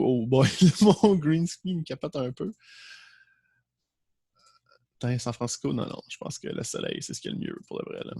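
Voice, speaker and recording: A man's voice: medium pitch, darkish tone, no room sound, studio quality. A man with a Québécois French accent, teaching an online class in a loose, joking way and often restarting his words. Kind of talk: casual online class lecture. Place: home setup with a green screen.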